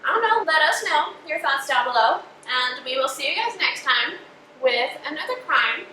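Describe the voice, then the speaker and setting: A woman's voice: high voice, lively intonation, brisk. A young woman hosting a casual eating show, chatting with her mouth full and saying "like" a lot. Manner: chatty, with frequent "like" and "you know". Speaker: host. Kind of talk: casual chat while eating. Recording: roomy, distant mic with faint noise.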